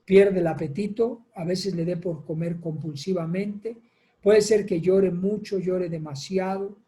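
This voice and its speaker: A man teaching a psychoeducational class, lively and expressive, acting out small scenes and often asking his listeners "¿verdad?". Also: sits high, measured pace. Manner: animated teacher, acts out little scenes, asks "¿verdad?" often. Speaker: instructor. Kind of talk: psychoeducational lecture.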